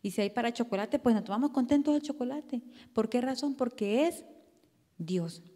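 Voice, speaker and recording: A Colombian woman delivers a sermon with a noticeably high voice, talking to her congregation in a chatty, animated way and firing off rhetorical questions. Her Colombian Spanish accent comes through clearly. A long reverb trails after her words, as in a church hall. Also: normal speed. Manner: animated, conversational preaching with rhetorical questions and acted quotes. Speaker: preacher.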